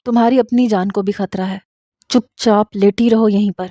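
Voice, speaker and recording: A woman voicing a stern young husband who gives low, curt commands in a dramatic audio story. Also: steady tone, mellow, dry recording, clean studio sound, lightly acted.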